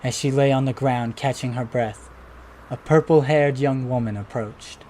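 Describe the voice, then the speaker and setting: A man's voice: mid-range voice, fairly even intonation, moderate pace, mellow. Man reading a children's storybook. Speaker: narrator. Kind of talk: storybook narration.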